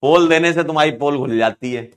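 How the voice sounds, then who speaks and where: A man's voice: fairly high pitch, a little fast. A man from India teaching chemistry in a live online class, playful and teasing, counting aloud as he explains.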